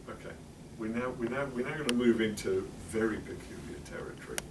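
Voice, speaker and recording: Recorded from a distance in a roomy library meeting room with background noise, a middle-aged English presenter speaks in a mid-range voice at a moderate pace. His talk is chatty and wry, peppered with fillers and side remarks.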